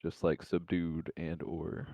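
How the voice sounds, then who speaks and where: A man playing a tabletop game, bantering with jokes and swearing as he pitches plans. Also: flat delivery, slow pace, warm tone, dry recording, muffled recording. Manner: joking, profane banter. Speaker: player. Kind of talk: casual chat while playing a tabletop game.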